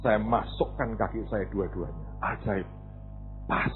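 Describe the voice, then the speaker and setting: A man's voice: on the low side, a little slow. A male pastor, telling a story in a sermon and acting out the people in it, often calling the congregation "saudara". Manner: animated, acts out quoted voices, addresses congregation as saudara. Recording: tinny phone-like audio with faint music.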